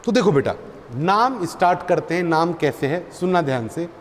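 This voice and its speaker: High-voiced male physics teacher drilling students. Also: expressive, normal speed. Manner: addresses students as "beta", repeats terms for drilling. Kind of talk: classroom lecture. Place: classroom. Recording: long reverb, faint background noise.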